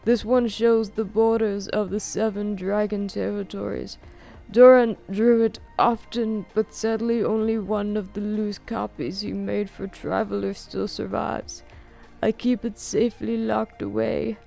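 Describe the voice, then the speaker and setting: A woman's voice: medium pitch, little pitch movement, a little slow, creaky, dark tone, soft background music, voice pushed up. A woman doing an eager, lecturing frail old scholar.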